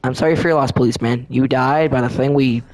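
A man giving casual let's-play commentary, chatty and excitable, often talking straight to the enemies on screen. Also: mid-range voice, quick pace. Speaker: gameplay commentator.

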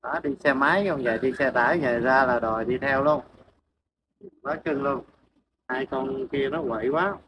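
A man's voice: medium pitch, moderate pace, background noise. A man talking to his dogs in a casual farm vlog, coaxing them with repeated questions and then explaining to viewers. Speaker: farm pet vlogger. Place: outdoors at a farm home. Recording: outdoor ambience and animal sounds behind.

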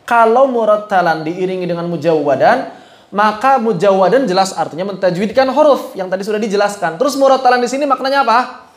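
A man leads a recitation class in a casual, chatty tone, stopping often to ask his listeners questions. His voice sits high, and the room around him rings with noticeable echo. He moves easily between everyday talk and careful explanation. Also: fairly quick. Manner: asks the class questions, mixes casual speech with chanted Arabic. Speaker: Quran recitation teacher. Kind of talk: informal religious lesson.

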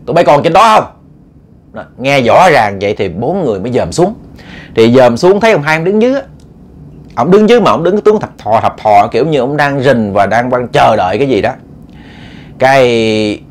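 A man with a Southern Vietnamese accent narrating a ghost story in an animated, dramatic way, often repeating words as he builds tension. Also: medium pitch. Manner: animated, dramatic, repetitive stammering.

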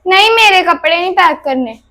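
ਜ਼ਿੱਦੀ ਨਿੱਕੀ ਕੁੜੀ, ਔਰਤ ਵੱਲੋਂ, ਚੀਕਵੀਂ ਚਮਕਦਾਰ ਆਵਾਜ਼, ਤੇਜ਼ ਬੋਲ. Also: female voice, extremely high pitch, expressive, a little fast, sharp tone, heavily acted. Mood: stubborn. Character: stubborn young daughter refusing a trip.

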